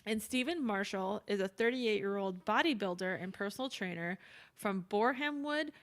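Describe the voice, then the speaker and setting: A woman's voice: mid-range voice, lively intonation, normal speed. Chatty woman hosting a true-crime podcast. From not from England. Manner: conversational, many fillers and quoted asides. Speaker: podcast co-host. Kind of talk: casual true-crime chat.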